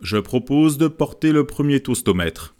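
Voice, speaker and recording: A man's voice: medium pitch, expressive, moderate pace, dark tone, voice pushed up, natural voice. A man voicing a middle-aged eldest disciple who speaks formally and solemnly.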